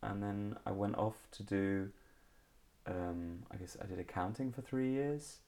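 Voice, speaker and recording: A man's voice: lowish voice, a little slow, a little mellow. A man in his thirties from Liverpool with a Liverpool accent, talking casually as an interview guest with many ums and restarts. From England. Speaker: guest, comedian.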